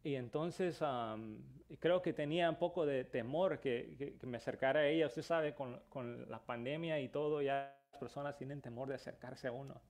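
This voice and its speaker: A man's voice: medium pitch, normal speed, few pauses, darkish tone. A man preaching a sermon in Spanish, moving between earnest exhortation and a personal story. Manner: earnest preaching, rising to emphatic questions, then storytelling. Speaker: pastor.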